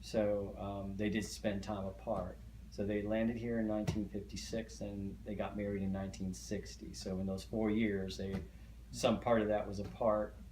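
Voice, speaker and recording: In an oral history interview, the interviewee is a middle-aged man who grew up speaking Hungarian. His low voice is monotone, and he halts hesitantly with many fillers and restarts. A faint hiss sits under the echoey room sound.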